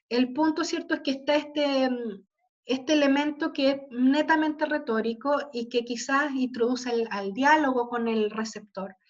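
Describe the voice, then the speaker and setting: A woman giving a literature class, explaining patiently and checking in with "¿ya?" and "¿cierto?". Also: high voice. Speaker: literature teacher. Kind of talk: online class lecture. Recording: slightly dull lo-fi audio.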